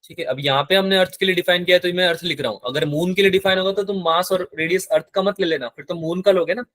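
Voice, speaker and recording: A male physics teacher lectures, switching between Hindi and terms. His voice sits a little high, and the sound is dry and close. He keeps stopping to quiz his class. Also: fairly even intonation, fast talker, a bit bright, no room sound. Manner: asks the class frequent check questions; mixes English terms into Hindi.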